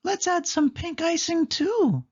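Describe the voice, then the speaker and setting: Man putting on high-pitched girlish Minnie Mouse. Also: animated, takes it slowly, dull audio, full character voice. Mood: sweet, perky. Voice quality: high falsetto. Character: sweet female cartoon mouse, small and giggly.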